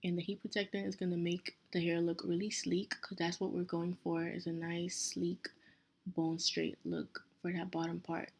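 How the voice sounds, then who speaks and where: Speaking with a Nigerian accent, a young woman from Nigeria gives a casual, step-by-step hair tutorial with small self-corrections along the way. Her lowish voice carries some vocal fry, and she keeps a moderate pace in her relaxed, chatty delivery.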